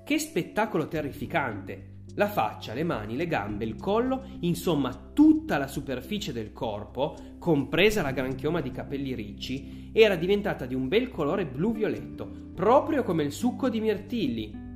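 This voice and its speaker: A woman narrates a children's book in an expressive audiobook style. Her low, mellow voice rises and falls widely. Faint music sits behind her. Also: moderate pace, few pauses. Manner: expressive, animated storytelling. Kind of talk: audiobook reading.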